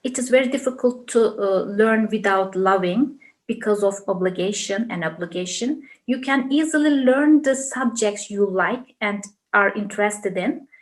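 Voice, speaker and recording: A woman with a Turkish accent, a native Turkish speaker, explaining like a language teacher in careful, deliberate non-native English. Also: medium pitch. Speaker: language teacher, interview guest. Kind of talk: explanatory interview answers, lesson-like.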